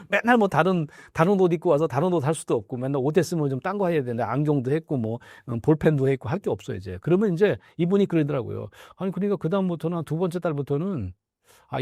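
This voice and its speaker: A man's voice: a little high, quick pace, no room sound. Middle-aged prof guy explaining stuff, swoops up and down a lot, dry close sound. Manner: lively, acts out quoted dialogue, frequent affirming fillers. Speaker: professor guest. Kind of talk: conversational interview explanation.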